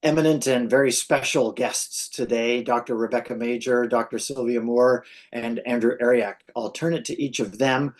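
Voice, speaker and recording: A man's voice: medium pitch, fairly even intonation, moderate pace, few pauses. Man moderating on a video call. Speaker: panel moderator, professor. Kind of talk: formal panel introduction on a video call.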